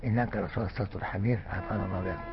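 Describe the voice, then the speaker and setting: An older man with an Egyptian accent giving a conversational religious lesson, often pausing with fillers and restarting words. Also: lowish voice, steady tone. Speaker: religious scholar. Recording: muffled lo-fi recording.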